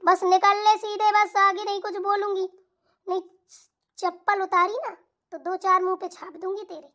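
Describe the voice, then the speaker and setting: Cartoon role: a woman as a screechy, nagging old mother-in-law with a sharp tongue. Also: very high voice, flat delivery, normal speed. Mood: threatening. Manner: nagging, insulting, tag questions. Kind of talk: cartoon voice acting.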